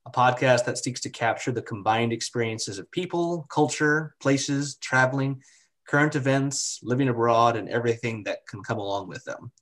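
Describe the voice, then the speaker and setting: A man's voice: medium pitch, moderate pace, a bit bright. A man hosting a podcast interview, upbeat and chatty with lots of "you know"s. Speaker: podcast host.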